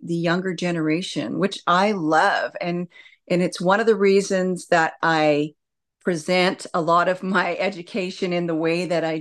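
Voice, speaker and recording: A woman with a distinctly low-pitched voice speaks as an interview guest. She explains things in a reflective, conversational way, like a nurse educating listeners.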